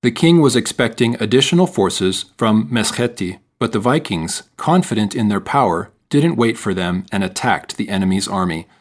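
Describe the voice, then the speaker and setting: A man reading texts and task instructions for a listening exam in a measured, formal way. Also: on the low side, expressive. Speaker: exam narrator. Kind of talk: scripted narration for a listening test.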